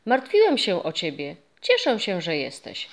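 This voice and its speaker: A woman's voice: fairly low pitch, wildly swooping pitch, moderate pace, exaggerated voice. A woman voicing an eager young boy in a storybook reading, curious and pleading for stories.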